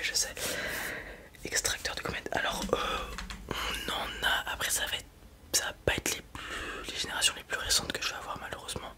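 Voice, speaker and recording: Speaking in a gentle, halting whisper, an ASMR performer acts out the role of a roaming robot salesperson from space, taking their time throughout.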